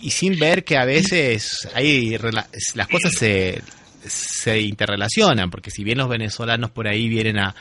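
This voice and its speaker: A man's voice: on the low side, fairly bright tone. A man hosting a radio interview, thinking aloud and often checking in with tag questions. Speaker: radio host.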